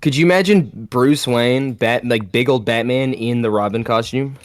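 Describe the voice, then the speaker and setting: A man co-hosting a podcast, talking in an excited, rambling way and laughing often. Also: medium pitch, normal speed. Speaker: podcast co-host. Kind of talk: casual podcast chat.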